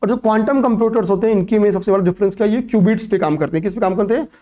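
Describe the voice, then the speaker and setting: A man with a mellow, high-sitting voice speaks very quickly while teaching an exam-prep class on current affairs. He keeps restating points, asks and answers his own questions, and frequently says "okay, pay attention."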